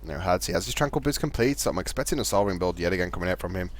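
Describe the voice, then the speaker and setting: Guy doing quick esports play-by-play, lowish voice, bit of hiss behind. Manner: fast, chatty play-by-play talking to co-caster; calls his own voice monotone. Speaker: esports caster. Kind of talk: live game commentary.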